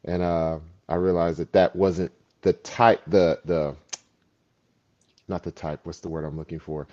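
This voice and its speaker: A man with a very low, deep voice talks through his thoughts in a relaxed chat, building his points slowly with stories. The sound is dull and a bit lo-fi. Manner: reflective, storytelling. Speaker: actor. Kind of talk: casual chat.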